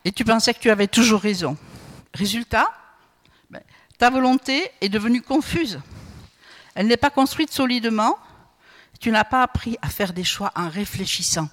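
A woman's voice: fairly high pitch, animated, normal speed, long pauses. A woman preaching a sermon in a chatty way, often checking in with her listeners with a questioning "hmm?" and stumbling over repeated words. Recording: long hall reverb.

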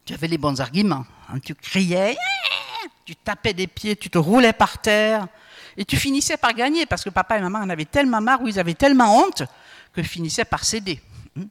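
A woman's voice: mid-range voice, expressive, a little fast. A woman preaching a sermon in a chatty way, often checking in with her listeners with a questioning "hmm?" and stumbling over repeated words. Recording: long hall reverb.

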